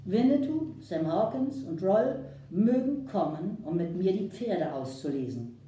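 A woman voicing a calm, firm male frontier hero who gives commands, recorded far from the mic in an echoey room. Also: medium pitch, unhurried, a little hiss or hum. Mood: stern.

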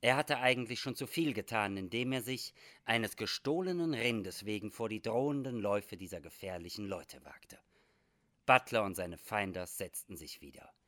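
A man narrating an adventure story as an expressive audiobook reading. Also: lowish voice, moderate pace.

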